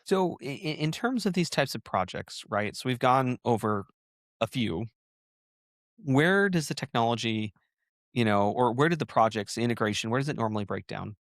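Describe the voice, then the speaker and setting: A man's voice: mid-range voice, expressive, moderate pace, no room sound, clean studio sound. A man hosting a conversational podcast interview, asking questions in a hesitant, thoughtful way. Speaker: podcast host.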